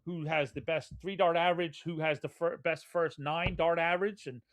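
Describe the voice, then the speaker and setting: Higher-pitched man commentating on darts. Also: steady tone, moderate pace, a bit bright. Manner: conversational, folksy turns of phrase. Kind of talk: live sports commentary.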